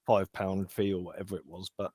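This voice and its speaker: British bloke, low monotone voice, dry close sound, chatty with British slang. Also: male voice, fairly quick, slightly rough, dry recording. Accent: British English. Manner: chatty, plain-spoken, uses British slang. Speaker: crypto project team member. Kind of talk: casual voice chat Q&A.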